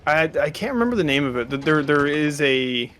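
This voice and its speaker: A man's voice: fairly high pitch, very animated, a little fast. Chatty Californian man in his thirties. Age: 30s. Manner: chatty, explains at length with fillers. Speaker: let's play co-host. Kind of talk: casual gameplay chat.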